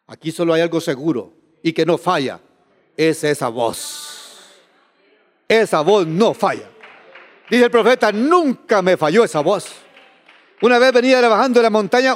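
Man, preacher, sermon, high voice, animated, repeats words, long hall reverb. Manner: animated, repeats words, asks the listeners rhetorical questions.

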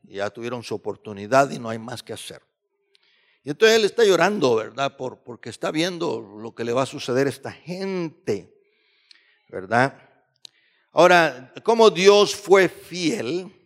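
A man's voice: medium pitch, big pitch swings, a little slow. A man preaching a sermon, repeating phrases for emphasis and often asking "verdad" as a rhetorical tag.

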